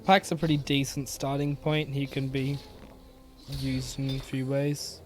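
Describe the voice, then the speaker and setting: A man's voice: mid-range voice, measured pace, faint music behind. Laid-back man narrating his gameplay. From Australia. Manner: relaxed, rambling, many "um"s, yawning. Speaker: gaming YouTuber. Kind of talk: casual gameplay commentary.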